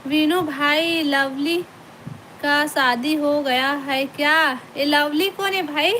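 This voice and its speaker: A woman's voice: high voice, steady tone, slow, bright, forceful tone, slight background noise. A woman with a Chhattisgarhi accent, hosting a casual live stream from home and chatting with viewers by name as she reads their comments. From Chhattisgarh, India.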